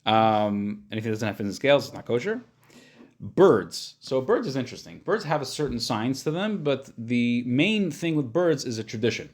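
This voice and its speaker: A man's voice: medium pitch, sing-song, moderate pace. A man teaching an informal religious class. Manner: hesitant, searching for words, thinking aloud; casual, plain-spoken, simplifying. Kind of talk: informal religious lesson, explaining.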